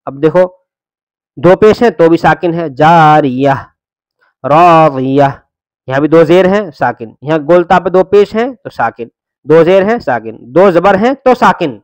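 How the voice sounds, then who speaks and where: A man teaching Quran reading, spelling out letters and vowel marks slowly and patiently, then blending them into words and correcting common student mistakes. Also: a little high, animated, no echo. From India. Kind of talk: slow syllable-by-syllable Quran reading lesson.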